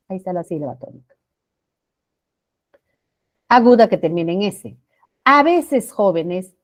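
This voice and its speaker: Speaking at a medium pitch, a female teacher walks her class through spelling rules with patience. She goes over points more than once, asks brief questions to confirm students follow, and stretches example words out.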